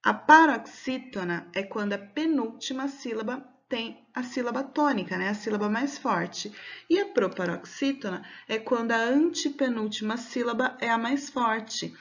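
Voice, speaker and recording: A Brazilian woman teaching a recorded lesson for children, explaining patiently step by step and slowly stretching out words to mark the stressed syllable. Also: a little high, lo-fi sound. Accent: Brazilian Portuguese. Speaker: schoolteacher.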